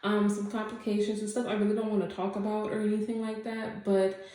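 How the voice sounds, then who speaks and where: A woman's voice: medium pitch, little pitch movement, fairly quick, mellow. A woman vlogger with a congested, stuffy nose, chatting casually to camera at home in a rambling way with lots of fillers. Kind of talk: casual update chat. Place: home room. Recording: very echoey room.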